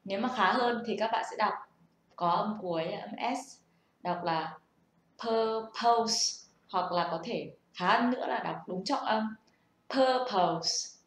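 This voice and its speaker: A woman's voice: mid-range voice, moderate pace, fairly bright tone. A young woman gives a casual, patient spoken lesson and asks the listener rhetorical questions. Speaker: self-taught English learner sharing tips. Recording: echoey room.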